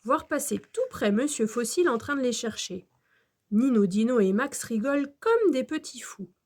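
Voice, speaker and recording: A woman storyteller reading a children's storybook aloud in a slow, gentle manner. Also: on the high side, very animated.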